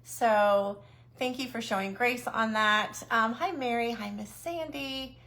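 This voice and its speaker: A woman's voice: fairly high pitch, takes it slowly, bright, forceful tone. A woman hosting a casual craft livestream, chatty and a little nervous, greeting viewers by name.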